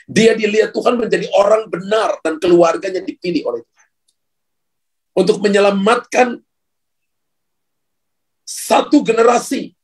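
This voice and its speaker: A man's voice: high voice, slightly rough. A male pastor preaching a sermon, speaking emphatically and addressing the congregation directly.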